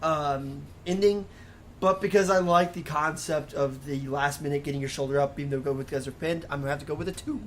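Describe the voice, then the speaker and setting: Giggly man with a slightly high voice. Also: steady tone, fairly quick, slight background noise. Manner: giggly, joking, puts on silly voices. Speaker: podcast co-host. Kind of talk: casual banter.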